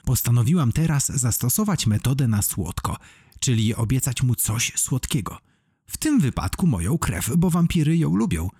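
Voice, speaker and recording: A man narrating a children's audiobook with expressive storytelling. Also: mid-range voice, moderate pace, slightly rough, no room sound, clean studio sound.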